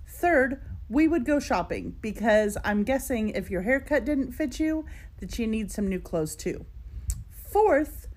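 A woman's voice: fairly high pitch, dark tone. Earnest woman speaking to camera. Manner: earnest, heartfelt address. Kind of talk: direct-to-camera social video.

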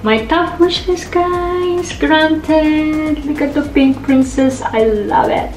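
A woman vlogging an excited unboxing, gushing and exclamatory, gasping often. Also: sits high, slow. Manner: gushing, exclamatory, keeps gasping and saying oh my God. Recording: echoey room with faint music.

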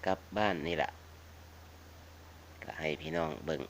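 A low-voiced man with a northeastern Thai Isan accent talks at a measured pace, with a faint hiss or hum in the background. He's a video channel host from Isan, chatting casually and repetitively outdoors around a house, treating his viewers like family in a folksy vlog style.

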